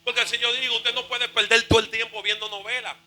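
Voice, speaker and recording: A male pastor preaching a fervent sermon, shouting and half-singing his phrases. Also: very high-pitched, level tone, fast talker, low-quality recording.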